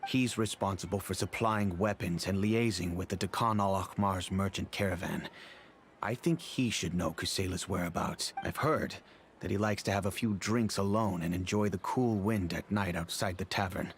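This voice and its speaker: An actor playing a polite, remorseful middle-aged father in a video game, speaking in a measured, earnest, formal way. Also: low-pitched, a little hiss or hum. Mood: earnest, helpful. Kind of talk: scripted video game dialogue.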